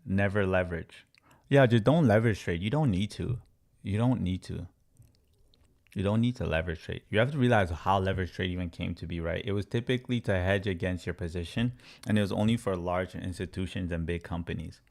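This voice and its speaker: A man's voice: low voice, a little fast, creaky, darkish tone. A man from Congo, a crypto trading educator, answering viewers' chat questions on a live stream with emphatic repetition and step-by-step chart talk.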